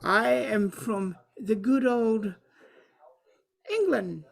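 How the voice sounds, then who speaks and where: A woman playing an easygoing male hotel guest in a tabletop game, calmly talking her way through. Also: fairly high pitch, extremely slow, vocal fry, exaggerated voice. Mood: smooth, casual. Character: male hotel guest, calm smooth-talker.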